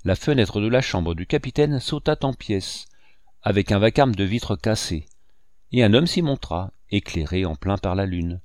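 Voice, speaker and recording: A man reads a classic adventure novel aloud in a measured first-person storytelling voice. His voice sits on the lower side. The recording is close and dry, with no room echo. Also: animated, a little mellow. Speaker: audiobook narrator. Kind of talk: scripted narration.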